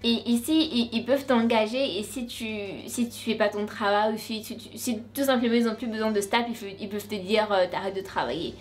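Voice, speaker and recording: A woman's voice: fairly high pitch, fairly even intonation, brisk, hardly any pauses. A young woman from France telling her story to camera in a casual vlog, chatty and full of restarts and asides. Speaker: vlogger.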